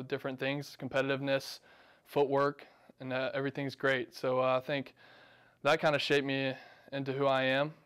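A man's voice: mid-range voice, fairly bright tone, smooth. A man in his early twenties from Georgia with an American accent, giving casual, earnest interview answers in a plain-spoken way. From Georgia, United States. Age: early 20s. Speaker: college tennis player and coach. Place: small office, indoors.

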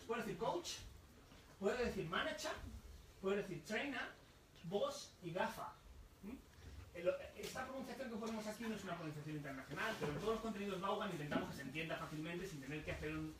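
A high-voiced man gives a live talk at a bookshop, explaining patiently and throwing questions to the audience. The room is echoey and he sounds distant from the mic. A faint murmur of room noise sits underneath. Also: a bit bright. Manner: explains slowly, repeats words, asks the audience questions. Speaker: book author presenting his book.

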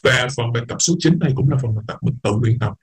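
Quick-talking male English teacher. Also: medium pitch, husky, rough recording. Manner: explains patiently, repeats words, mixes English terms in. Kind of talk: online class lecture.

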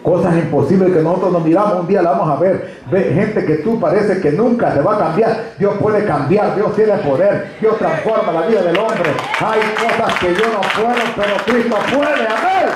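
A man's voice: sits high, normal speed, few pauses, crowd noise. A man preaching a sermon as pastor, speaking with emphasis and calling out to the congregation. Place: church hall. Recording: very echoey church hall.

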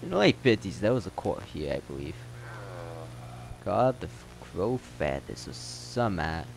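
A man's voice: deep voice, sing-song, unhurried, creaky, exaggerated voice, poor audio. A man voicing a gossipy male motel worker in a put-on accent, telling rambling, joking stories. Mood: spinning tales. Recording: loud game noise behind.

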